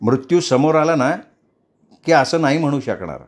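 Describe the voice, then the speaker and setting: A man's voice: a little high, lively intonation, normal speed, lightly acted. A man voicing a blunt, sardonic middle-aged gang boss.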